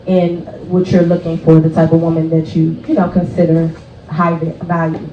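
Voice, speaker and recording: A woman's voice: deep voice, monotone, moderate pace. A woman hosting a casual panel chat, talking informally with the others. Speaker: host. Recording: echoey, distant, slightly dull, faint noise.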